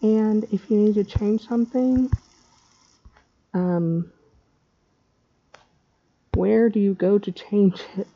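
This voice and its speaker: A woman giving a casual software tutorial in a hesitant, scatterbrained way, her speech slightly slurred by a dental retainer. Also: mid-range voice, steady tone, slow pace, long pauses, muffled recording. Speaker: tutorial maker.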